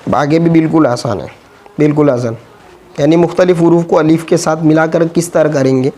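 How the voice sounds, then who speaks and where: A man patiently teaches Urdu reading, sounding out letters and syllables one by one in a slow, spelled-out lesson. His voice is a little high and warm in tone.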